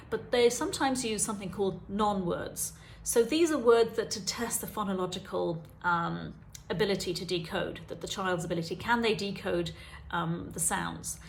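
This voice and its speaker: A woman's voice: medium pitch, slight background noise. A woman, a dyslexia specialist, explaining spelling and reading directly to the viewer in a teaching video. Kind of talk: talking-head teaching video.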